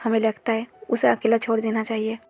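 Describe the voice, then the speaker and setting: A loyal, caring male friend, read by a woman narrator with a higher voice. His lines come across plainly and sound dry and close. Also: monotone, fairly quick, darkish tone, no room sound. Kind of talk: narrated fan-fiction retelling.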